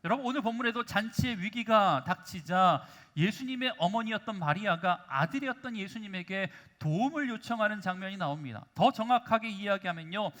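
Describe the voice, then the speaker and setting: A man's voice: high voice, a bit bright. A male pastor preaching a sermon in a church, often calling out to the congregation and asking rhetorical questions. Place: church sanctuary.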